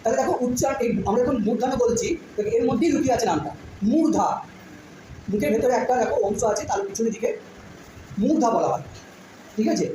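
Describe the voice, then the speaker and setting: A woman's voice: on the high side, animated. Female teacher, patient drilling delivery, recorded in a very echoey room with audible background noise. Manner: patient, repeats sounds slowly, checks understanding often. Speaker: school teacher. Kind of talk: classroom phonetics lesson.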